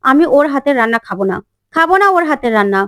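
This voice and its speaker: Lady voicing a cranky older man, curt and scolding, a bit lower than her usual. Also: expressive, fast talker, a bit bright, no echo, clean studio sound. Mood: angry. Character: angry older father-in-law, stern man.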